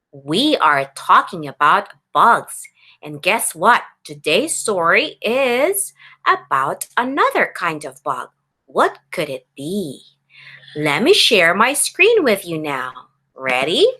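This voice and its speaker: A female pre-K teacher with a medium-pitched voice reads aloud expressively to young children, teaching as she goes and asking them questions.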